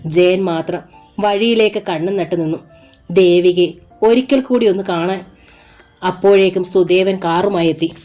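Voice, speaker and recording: A woman narrating a serialized novel aloud in a steady, expressive storytelling manner. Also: on the low side, unhurried, long pauses, faint music behind.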